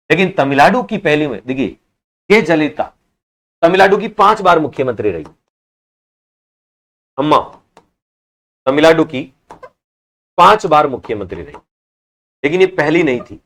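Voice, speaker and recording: A man teaching an online exam-prep class, quizzing students and repeating each answer, at times scolding them for slow replies. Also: on the high side, animated, a bit bright.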